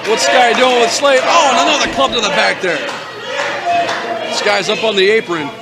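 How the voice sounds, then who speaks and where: A man calling live pro wrestling play-by-play as an excitable announcer who exclaims at the big moves. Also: very high-pitched, moderate pace. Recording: loud crowd noise behind commentary. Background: wrestling crowd.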